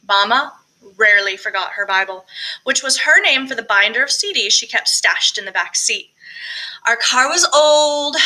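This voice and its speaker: A woman with a fairly high, sharp-toned voice reads a first-person story aloud with expression, as an audiobook narrator would. She is an audiobook reader and a choir director, and the recording is rough.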